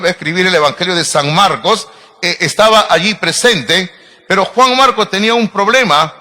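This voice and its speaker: A man's voice: high-pitched, bright, forceful tone. A middle-aged man preaching a sermon as pastor, emphatic and full of rhetorical questions to his congregation. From Peru.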